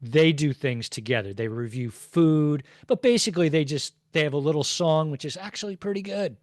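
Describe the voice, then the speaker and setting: A man co-hosting a casual podcast chat, telling stories with deadpan jokes. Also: fairly high pitch, normal speed, dry recording, studio quality. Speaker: podcast co-host.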